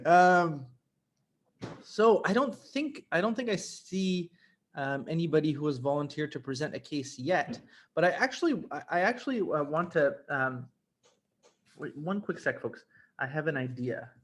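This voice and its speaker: A man's voice: on the high side, lively intonation, normal speed. A man originally from Lebanon hosting an online medical case session, upbeat and enthusiastic, often playful. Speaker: host. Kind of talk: casual video call chat. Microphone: video call.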